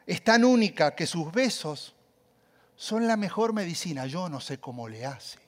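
Man preaching, animated storytelling, loud cries and soft asides, slightly high voice. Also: a little slow. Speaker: pastor. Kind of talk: sermon.

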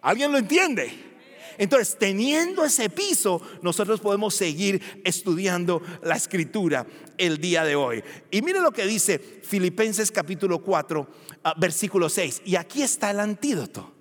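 A man preaching a sermon as pastor, animated and often asking the congregation questions. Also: high-pitched, moderate pace, big-room sound.

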